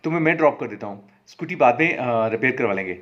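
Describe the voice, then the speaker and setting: A storyteller playing a wealthy young man who is kind and caring. His voice is ordinary and mid-pitched, quoted plainly without much change. The sound is a little dull and lo-fi. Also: lively intonation, quick pace, fairly bright tone, close to an everyday voice. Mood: reassuring. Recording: slightly dull lo-fi recording.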